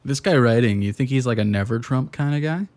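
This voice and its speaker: A man's voice: mid-range voice, a little fast, darkish tone. A man co-hosting a casual podcast chat, laid-back and slangy. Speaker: podcast co-host.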